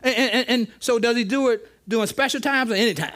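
A man's voice: extremely high pitch, quick pace, a bit bright. A man, a pastor, teaching interactively in a church, stammering and repeating "okay" as he draws answers from the congregation. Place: church sanctuary.

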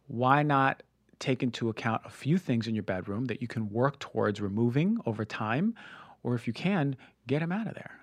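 A man's voice: medium pitch, no echo, clean studio sound. A man hosting a health show, giving upbeat, tidy vlogger-style advice conversationally, stressing points by repeating key words.

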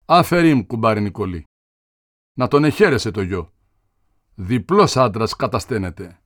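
A man reading aloud and voicing a talkative older villager who flatters his host with coaxing praise. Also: lowish voice, dry recording, clean studio sound, close to an everyday voice. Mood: flattering. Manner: wheedling, coaxing.

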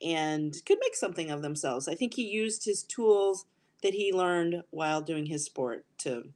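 A woman's voice: on the low side, lively intonation, normal speed, darkish tone. A woman co-hosting a podcast, agreeing and laughing often in casual recap chat. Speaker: podcast co-host.

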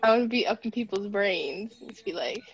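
A woman's voice: medium pitch, lo-fi sound. A woman co-hosting a podcast, chatting casually and giggling often. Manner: giggly, unhurried. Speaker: podcast co-host. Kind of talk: casual chat.

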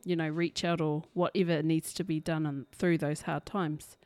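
Female podcast co-host, broad New Zealand accent, lowish pitch, enthusiastic slangy delivery, dry studio-like sound. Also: little pitch movement, normal speed, a little mellow, dry recording. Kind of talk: casual podcast chat.

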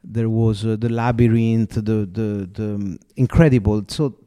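A man's voice: fairly low pitch, steady tone, measured pace, warm tone, clean tone. A man with an Italian accent hosting an interview, asking questions enthusiastically while stumbling over his words. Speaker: interviewer host.

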